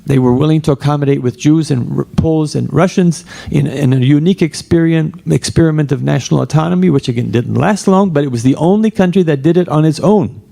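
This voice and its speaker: Creaky, dark-voiced man arguing on a panel. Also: a little high, quick pace, hardly any pauses. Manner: emphatic, argumentative, with frequent restarts. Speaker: scholar on a panel. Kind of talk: panel discussion remarks.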